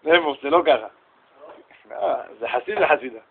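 A middle-aged man from Israel giving a lively storytelling sermon as a rabbi, acting out voices and bantering with his listeners. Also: on the high side, narrow, tinny audio. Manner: animated, acts out voices and shouts in stories, banters with listeners. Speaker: rabbi giving a Torah lesson.

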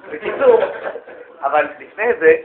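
A man giving a storytelling religious lecture to an audience, lively and anecdotal, acting out the dialogue he quotes. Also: a little high, over a noisy crowd. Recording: echoey, phone-like lo-fi recording.

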